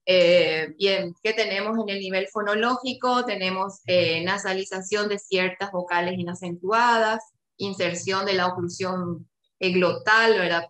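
A woman's voice: lowish voice, fairly bright tone, roomy sound. A woman with a Paraguayan Spanish accent giving an academic seminar talk, explaining with many tag questions and fillers over a video call. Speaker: linguistics researcher.

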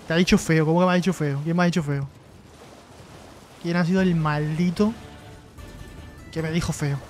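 High-voiced streamer chatting. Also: male voice, fairly even intonation, moderate pace, a little mellow, faint music behind. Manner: joking, reads chat messages aloud and replies. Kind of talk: casual live-stream chat.

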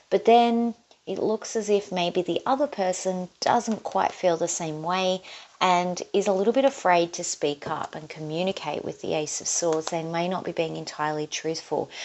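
Seated at an indoor table with an overhead camera on her hands, a chatty Australian woman gives a casual tarot reading to camera. Her voice is fairly low and a little mellow, and she thinks aloud while drawing cards.

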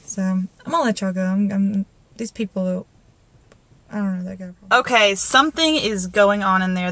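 A young woman vlogger with a medium-pitched, slightly bright voice talks into a handheld camcorder while sitting in her parked car, in a dry recording. Shaken and nervous, she rambles casually with many fillers and restarts.

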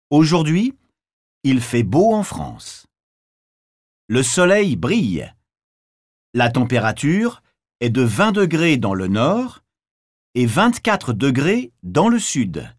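Slow man reading a weather bulletin. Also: mid-range voice, dry recording, studio quality. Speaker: radio presenter.

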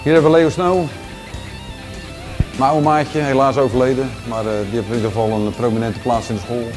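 A middle-aged man with a Rotterdam Dutch accent leads a casual walking tour through a big indoor gym. He talks in an easygoing, rambling way, full of fillers and restarts, at a mid-range pitch. He is picked up by a handheld camera that follows him, with faint music in the background. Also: fairly quick. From Netherlands. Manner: chatty, relaxed, lots of fillers and restarts. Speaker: gym owner giving a tour.

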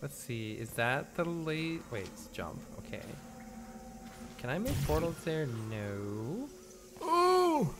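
A man commenting on a game as he plays, chatty and thinking out loud with many questions. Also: fairly high pitch, very animated, takes it slowly, noisy background. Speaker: gaming streamer. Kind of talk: let's play commentary.

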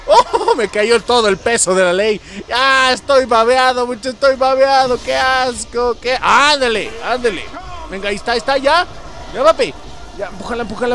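A man with a Mexican accent giving excited let's-play commentary, yelping, swearing and talking to his viewers. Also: high voice. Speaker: gameplay streamer.

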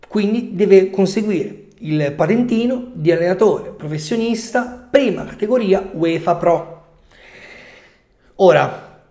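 High-pitched man with a coughy voice. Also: a little mellow. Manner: conversational, addressing viewers directly. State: coughy, subdued voice with frequent throat-clearing. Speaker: football video host. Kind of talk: casual explanatory commentary to camera. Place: small home room, indoors. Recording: echoey room.

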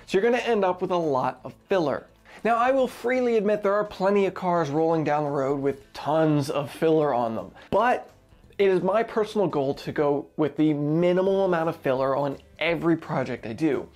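A man's voice: a little high, a little mellow. A young man teaching auto body sheet metal work straight to camera, earnest and emphatic, in an indoor garage studio. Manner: earnest, emphatic, direct advice to viewers. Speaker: auto body fabrication instructor. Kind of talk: instructional video talk to camera.

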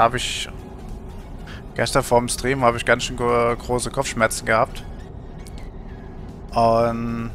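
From an indoor home streaming setup, a middle-aged game livestreamer chats casually and musingly in colloquial speech. His voice is mid-range with a fairly bright tone.

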